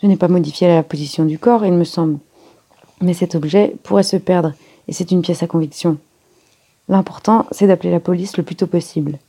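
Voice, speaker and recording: Woman doing a flustered young guy, defensive, low husky read, storybook. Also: fairly even intonation, mellow. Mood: indignant. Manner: indignant, hurried. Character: agitated young man accused, quick-tempered.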